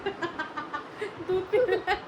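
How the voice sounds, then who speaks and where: Chatty mother vlogging over loud noise. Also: extremely high pitch, drawn-out words. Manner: chatty, addresses viewers as friends. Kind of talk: casual chat to camera.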